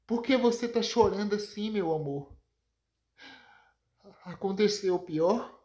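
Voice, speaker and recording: A Brazilian woman voicing a caring young boyfriend asking soft, concerned questions. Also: medium pitch, measured pace, lightly acted. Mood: worried.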